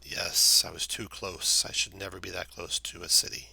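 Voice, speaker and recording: A man voicing a weary, ancient talking tree in a tabletop game, speaking in slow, grave, halting phrases with a breathy, gravelly voice. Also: deep voice, little pitch movement, pushed and bright, dry recording, heavily acted. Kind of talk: tabletop role-play character voice.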